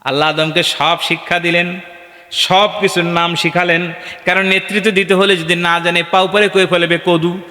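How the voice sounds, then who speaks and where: A man delivers a lively sermon, throwing questions at his listeners and slipping into sung chanting of verses. His voice sits fairly high and rings bright, and it booms back with long reverb as if through a PA in a large hall. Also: normal speed. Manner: animated, asks the crowd questions and calls for responses. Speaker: preacher. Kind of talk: sermon at a religious gathering.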